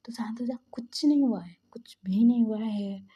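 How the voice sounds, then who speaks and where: A woman voicing a calm, protective young man who reassures with repeated soothing phrases. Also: fairly high pitch, brisk, slightly rough, highs cut off.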